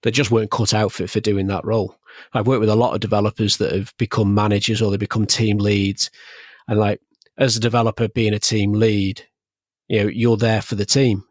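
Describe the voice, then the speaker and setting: A man's voice: lowish voice, little pitch movement, fairly quick, no echo, clean studio sound. A man hosting a podcast interview, chatty and joking, telling anecdotes. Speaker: podcast host. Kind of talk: casual interview chat.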